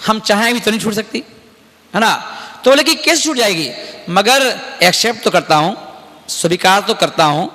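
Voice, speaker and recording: High, bright-voiced preaching monk. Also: male voice, moderate pace. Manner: animated storytelling with chanted wordplay. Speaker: Jain monk. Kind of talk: sermon. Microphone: microphone. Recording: long hall reverb.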